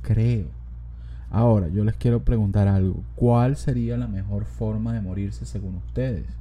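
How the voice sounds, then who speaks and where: A man's voice: on the low side, fairly even intonation, normal speed, mellow, a little hiss or hum. A young man with a Venezuelan accent, hosting a podcast in a casual comedic monologue, joking, swearing and rambling as he talks. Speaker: podcast host.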